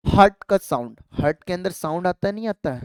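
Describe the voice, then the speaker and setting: Smooth-voiced biology teacher drilling exam students. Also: medium pitch, animated, brisk, darkish tone, no echo, clean studio sound. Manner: asks students rhetorical questions and answers them; calls students affectionately "child" and "dear kids". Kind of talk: exam-prep classroom lecture.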